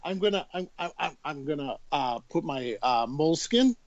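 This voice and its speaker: A man, a writer and producer guest, chatting excitedly on a podcast, stumbling and repeating words. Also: fairly high pitch, moderate pace, no room sound, lo-fi sound. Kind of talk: casual podcast chat.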